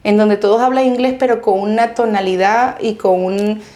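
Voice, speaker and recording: A woman from Venezuela with a Venezuelan accent, a guest telling her story in a conversational interview, animated and laughing as she recounts anecdotes. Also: mid-range voice, normal speed.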